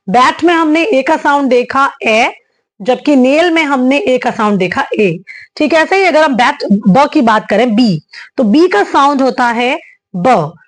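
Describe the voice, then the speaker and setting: A woman with a high-sitting voice teaches an English phonetics lesson, patiently explaining each sound and repeating it slowly.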